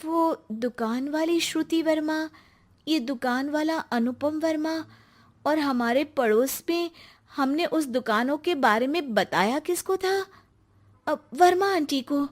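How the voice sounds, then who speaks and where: A woman voicing an earnest, trusting young wife in an animated story, quick to protest. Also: high voice, voice pushed up.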